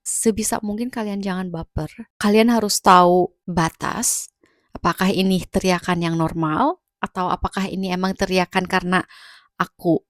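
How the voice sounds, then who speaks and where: A woman's voice: lowish voice, no echo, clean studio sound. A young woman giving casual, emphatic advice in a vlog, repeating key phrases. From Indonesia. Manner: repetitive, emphatic, conversational.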